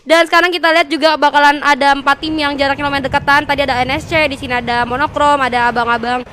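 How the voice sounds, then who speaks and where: Very high-pitched Indonesian woman, game announcer. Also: level tone, rapid-fire, pushed and bright, a little hiss or hum. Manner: casual, slangy, chatty. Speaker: esports match caster. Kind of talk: game tournament commentary, announcer-like play-by-play.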